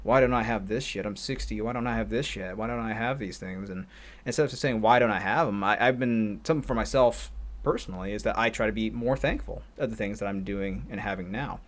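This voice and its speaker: An assistant martial arts instructor muses on a casual podcast, reflecting and rambling as he goes. He speaks briskly in a lowish voice.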